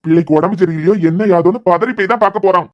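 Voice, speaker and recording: Stern cartoon elder voiced by a woman, quick curt delivery, dry close sound, Kanyakumari accent. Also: fairly low pitch, no echo, dull audio, close to an everyday voice. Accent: Kanyakumari Tamil. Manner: curt, telling others to shut up. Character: protective elder of the family, stern. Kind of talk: cartoon serial voice acting.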